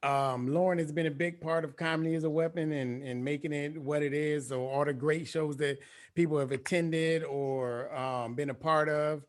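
A man's voice: on the high side, fairly even intonation, moderate pace. A man hosting a call-in show over video, laid-back and chuckling. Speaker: host. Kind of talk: casual chat on a video call.

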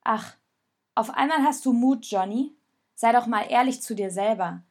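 A woman voicing an anxious, defensive young boy in a storybook reading, raised and agitated, with a breathy voice. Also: on the high side, moderate pace, a little mellow. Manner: agitated, protesting.

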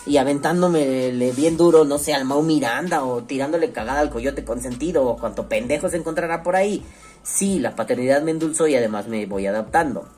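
A man's voice: mid-range voice, brisk, darkish tone. A man with a Mexico City accent rambles casually to his audience, swearing freely and slipping into slang. He acts out other people's voices as he talks, with faint music in the background. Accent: Mexico City Spanish. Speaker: online show host reading comments. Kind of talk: casual profane monologue.

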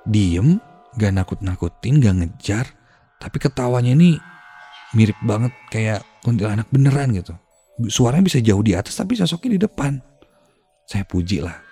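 A man, hosting a podcast and telling a ghost story in a hushed, suspenseful way. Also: fairly low pitch, breathy edge. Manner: hushed, suspenseful, dropping to near-whispers. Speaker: podcast host. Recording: faint music behind the voice.

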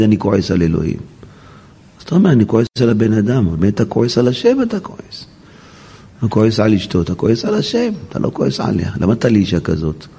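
A rabbi preaches in a synagogue, swinging his pitch widely as he acts out prayers and quoted people. His voice is dark, gravelly and husky. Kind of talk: sermon.

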